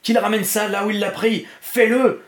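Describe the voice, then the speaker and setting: A dark sorcerer stripped of his menace, whining and shrieking in panic, high and loud, as a man puts him on. The room around the voice is echoey. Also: flat delivery, moderate pace, lightly acted. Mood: panicked.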